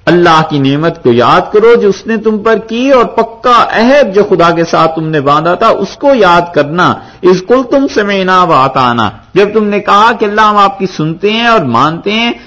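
A male preacher giving a sermon, quoting scripture verses and explaining them with rhetorical questions. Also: sits high. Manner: lively, rhetorical, quotes Arabic verses then explains. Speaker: mufti preacher. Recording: dull lo-fi recording.

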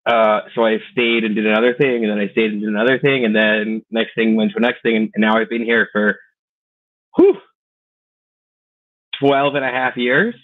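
A man in his thirties with an American accent, chatting playfully as a guest on a video call. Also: fairly low pitch. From United States. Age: 30s. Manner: chatty, playful, quick asides. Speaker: guest, teacher and clown. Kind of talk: casual video call interview. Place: small room indoors. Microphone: video call webcam. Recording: tinny phone-like video call.

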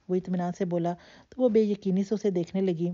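A woman narrating a novel in a steady, measured storytelling manner. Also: lowish voice, muffled recording. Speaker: audiobook narrator. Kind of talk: novel reading.

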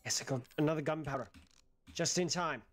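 A young adult gaming streamer plays a game while delivering casual commentary full of sarcasm and swearing. His voice is a little high and fairly quick, recorded in a small bedroom-like room with slight background noise.

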